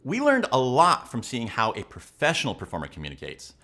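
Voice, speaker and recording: Guy coach breaking stuff down for viewers, emphatic, really animated pitch, bright sound. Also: brisk. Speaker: body language and leadership coach, video host. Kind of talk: analytical commentary to viewers.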